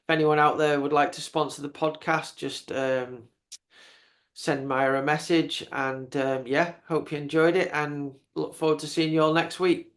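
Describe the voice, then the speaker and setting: A man in his fifties hosting a podcast, chatting casually in a halting way, often repeating words. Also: fairly high pitch, fairly even intonation, fairly bright tone. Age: 50s. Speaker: podcast host. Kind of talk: casual interview chat.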